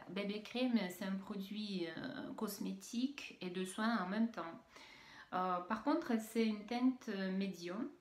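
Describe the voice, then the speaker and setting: A woman's voice: mid-range voice, a little mellow, roomy sound. A woman with a Russian accent, chatting casually as she unboxes beauty products, hesitant with many fillers and restarts. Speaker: beauty vlogger. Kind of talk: unboxing video, casual chat.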